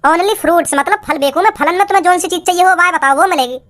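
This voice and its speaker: A nervous village fruit seller, as a woman plays him, with a folksy turn of speech. He pleads quickly in a very high voice. This is a comedy skit role. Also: fairly bright tone.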